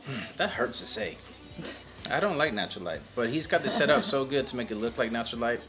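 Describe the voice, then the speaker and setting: Man, photographer host, bright voice, animated, teasing, casual. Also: mid-range voice, fast talker, faint music behind. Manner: joking, teasing, excitable. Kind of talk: casual behind-the-scenes vlog chat. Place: indoor photo studio.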